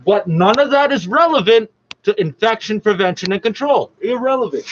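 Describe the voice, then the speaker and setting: Speaking at normal speed in a high voice with lively intonation, a man reacts to a radio show with an improvised rant. His tone is combative and scornful, laced with profanity, and the recording is muffled lo-fi with faint noise.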